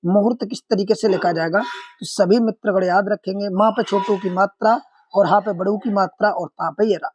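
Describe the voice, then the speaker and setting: A man's voice: high-pitched, fairly even intonation, moderate pace, a little hiss or hum. A man teaching an online exam-prep lesson, explaining answers step by step, putting questions to viewers and calling them friends.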